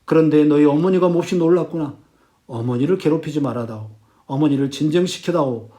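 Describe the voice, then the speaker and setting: A teacher puts on the ghost of a murdered king, heavy and slow. The voice drops low and stays even and grave as it pleads with his son. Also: close to an everyday voice. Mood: solemn. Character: stern ghost of a dead king, solemn father.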